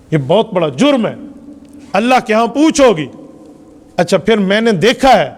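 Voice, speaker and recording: A man with a Pakistani Urdu accent delivering a Friday sermon as a mufti in a mosque, emphatic and full of rhetorical questions to the congregation. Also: sits high. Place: mosque hall. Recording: long reverb of a mosque hall.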